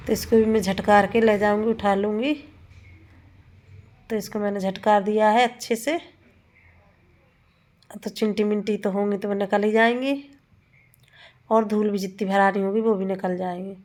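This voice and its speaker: A woman in her thirties with a sore throat, chatting casually through a home vlog and often correcting herself as she goes about chores. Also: mid-range voice. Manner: chatty, rambling, self-correcting. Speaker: vlogger. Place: home kitchen and rooftop.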